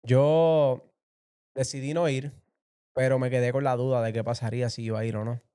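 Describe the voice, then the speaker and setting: Guy telling his testimony, mellow smooth voice, acts out every quote. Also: mid-range voice, flat delivery, moderate pace. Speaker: interview guest sharing testimony. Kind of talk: emotional personal testimony.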